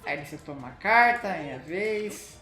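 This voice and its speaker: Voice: mid-range voice, animated, normal speed, bright, forceful tone. A Brazilian Portuguese speaker giving casual card game commentary in an informal manner, often checking in with short tag questions. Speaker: gaming channel host. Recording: roomy echo with faint music. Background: music.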